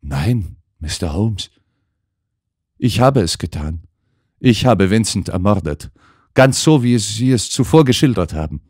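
A man's voice: fairly low pitch, expressive, unhurried, darkish tone, breathy edge, no room sound, clean studio sound, voice pushed up. A man doing a desperate stubborn young actress. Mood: insistent. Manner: pleading, insistent. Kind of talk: audiobook character voice.

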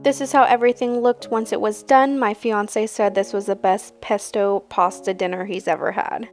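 A young woman hosting a cooking channel, explaining each recipe step in a relaxed, casual voice-over. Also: mid-range voice, moderate pace, soft background music.

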